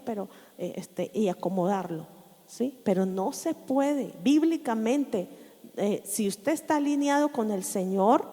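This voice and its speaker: A woman's voice: fairly high pitch, darkish tone. A woman pastor teaching a sermon, often checking in with her listeners by asking "¿sí?". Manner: slow, questioning the congregation with repeated "¿sí?". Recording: long hall reverb.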